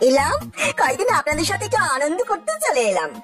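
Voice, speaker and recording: Eager young village husband, cartoon, very high pitch, swooping, distant over music. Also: huge pitch swings, fast. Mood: cheerful. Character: excitable young village son-in-law, cheerfully freeloading. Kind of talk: cartoon voice acting. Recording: loud music, distant-sounding voice.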